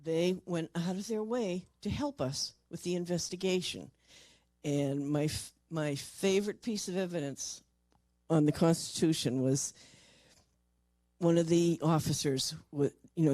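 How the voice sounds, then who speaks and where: A paranormal investigator giving a lively storytelling talk at a convention and acting out the people quoted. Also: mid-range voice, moderate pace, dry recording. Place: convention stage or panel room.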